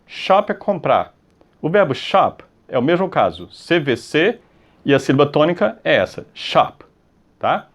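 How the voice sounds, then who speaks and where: A man's voice: fairly high pitch, very animated. A Brazilian man teaching an English grammar lesson. He stretches out the example words and keeps checking in with the class between steps. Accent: Brazilian Portuguese. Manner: drawn-out model words, repeated checks like "tá?" and "ok?". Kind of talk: explaining grammar rules on a video lesson.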